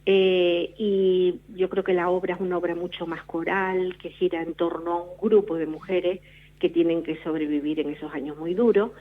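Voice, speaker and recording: A woman's voice: fairly low pitch, little pitch movement, moderate pace. Novelist woman on a phone line. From La Palma, Canary Islands. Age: middle-aged. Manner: reflective storyteller with frequent restarts. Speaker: novelist, interview guest. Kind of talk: radio interview.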